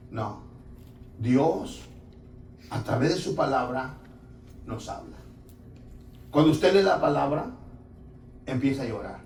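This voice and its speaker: A man's voice: fairly high pitch, slight background noise. A man, a pastor preaching a sermon in church, emphatic, drawing out his words and putting questions to the congregation. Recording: echoey church hall, voice from a distance.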